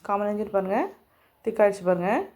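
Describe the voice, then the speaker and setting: On her cooking channel, a woman demonstrates home cooking and walks viewers through each step directly. Her mid-range voice is a little mellow, and she talks fast in a homely, instructive way.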